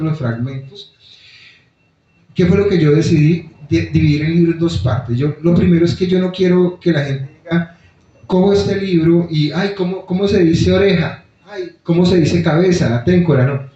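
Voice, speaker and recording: A man's voice: on the high side, warm tone, slight background noise. A man giving a public talk about his book in a bookstore, explaining things directly to the audience. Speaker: author presenting his book. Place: bookstore event room. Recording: very echoey, dull lo-fi room sound.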